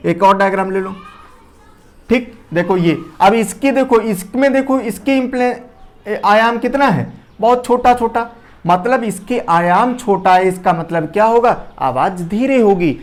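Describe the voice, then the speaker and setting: A man giving a classroom lecture. He asks and answers his own questions and keeps checking that everyone has understood. He drops his voice low and quick, then gets loud and fast to show what he is teaching. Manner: repeats key points with rhetorical questions, checks understanding; shifts loudness and speed to demonstrate.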